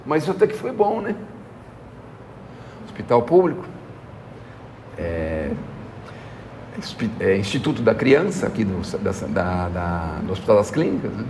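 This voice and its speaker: Animated Brazilian man lecturing in a hall. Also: medium pitch, a little hiss or hum. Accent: Brazilian Portuguese. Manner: folksy storytelling, acts out quoted voices, frequent "né?". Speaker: spiritist lecturer. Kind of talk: anecdotal spiritual talk.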